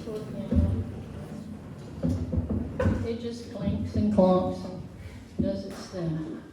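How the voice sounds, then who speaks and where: A woman's voice: medium pitch, background noise. A woman in her eighties from the American South, chatting on stage at a party in a folksy, joking way. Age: 80s. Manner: folksy, joking, slow-spoken. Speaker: birthday honoree and performer. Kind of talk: casual chat on stage. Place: event venue hall. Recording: echoey hall from far off, music.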